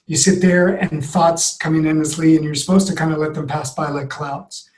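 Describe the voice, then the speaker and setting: A man's voice: fairly high pitch, fairly even intonation, moderate pace, a little mellow. Expansive man in a roomy echo. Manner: earnest, expansive, builds ideas with examples. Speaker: podcast guest. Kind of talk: reflective conversation.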